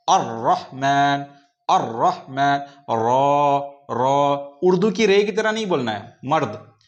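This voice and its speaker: In dull-sounding audio, a man who teaches Quran recitation patiently works through a pronunciation lesson. He says each letter sound over and over, stretching it out slowly. His voice is mid-range and creaky.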